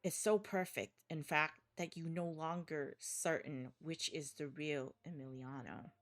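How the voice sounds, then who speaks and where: A woman streamer reading a text game aloud with dramatic weight. Her voice sits lowish, and she stumbles over words now and then between blunt asides. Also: fairly even intonation, measured pace.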